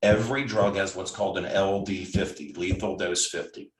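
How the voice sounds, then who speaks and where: Speaking with a low, steady voice at a moderate pace, this man in his sixties is a physician guest. He walks through his explanations one step at a time, casually and conversationally, with frequent restarts, and the mic picks him up from a distance in a roomy space.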